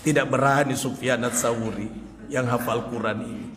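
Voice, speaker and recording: A man's voice: mid-range voice, moderate pace, noisy background. A male preacher telling a story in a sermon, acting out the quoted dialogue. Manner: animated, acts out quoted dialogue with laughter. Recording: reverberant hall, faint ambience.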